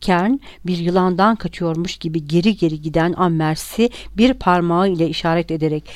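Woman, audiobook narration, lowish voice, dry close sound, steady measured reading. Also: no echo. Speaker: audiobook reader.

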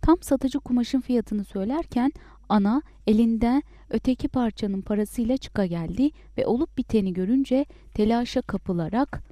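Woman reading a story out loud, dark mellow voice, calm and even. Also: fairly high pitch, normal speed, no echo, clean studio sound. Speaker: narrator. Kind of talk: audiobook narration.

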